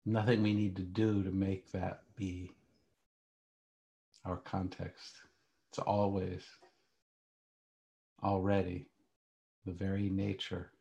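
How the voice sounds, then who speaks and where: A meditation teacher, a man with a very low voice, guides a calm grounding exercise. He speaks very slowly in short, hushed phrases, with a gravelly fry and long pauses between them.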